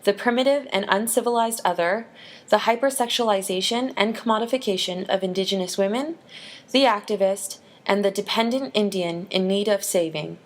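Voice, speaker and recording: A woman reading scripted documentary narration in a measured, formal way. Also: mid-range voice.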